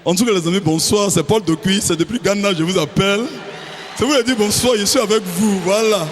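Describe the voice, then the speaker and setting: A man doing stand-up in a large hall. His voice sits very high and swings into loud bursts. A long reverb and faint room noise surround him. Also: a little fast. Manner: animated, shouting bursts, many character voices. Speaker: stand-up comedian. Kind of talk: stand-up comedy on stage. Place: large venue on stage. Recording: hall echo with faint crowd ambience.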